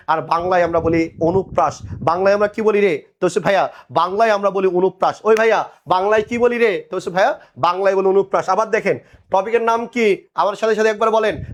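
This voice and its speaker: A young man teaches an online admission class, drilling answers and teasing students. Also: high voice. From Bangladesh. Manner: drilling call-and-response, repeating answers.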